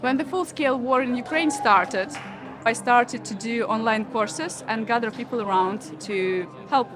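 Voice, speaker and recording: A woman's voice: fairly high pitch, unhurried. A woman from Russia, speaking earnestly in plain about founding a course for young people. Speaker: founder of a teen photo and film course. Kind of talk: documentary interview. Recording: background music under speech.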